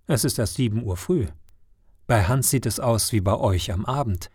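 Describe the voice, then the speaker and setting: A man narrating a children's Christmas story in a gentle storytelling manner. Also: mid-range voice, normal speed, husky, no room sound, clean studio sound. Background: faint music.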